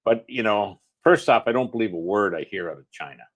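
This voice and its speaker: A man's voice: fairly low pitch, lively intonation, fairly quick, fairly bright tone. A man co-hosting a casual livestream, reading out viewer comments in a chatty, offhand way with lots of fillers.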